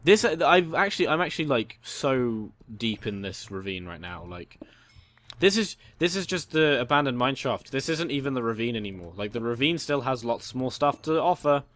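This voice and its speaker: Casting: young male gaming host, mid-pitched, loose rambling commentary. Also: very animated, normal speed. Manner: rambling storyteller, voices quotes high and loud. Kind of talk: casual gameplay commentary.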